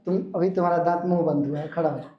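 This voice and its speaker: Male English teacher, high voice, firm classroom instructions, echoey room. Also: steady tone, muffled recording. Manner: slow dictation, firm instructions. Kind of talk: classroom grammar lesson.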